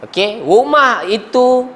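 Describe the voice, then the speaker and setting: A Malaysian Arabic grammar teacher speaks with a high, light, slightly bright voice and a Malaysian Malay accent, animated but slow. He keeps putting questions to his students and sometimes trails off mid-word, with faint hiss beneath the classroom recording.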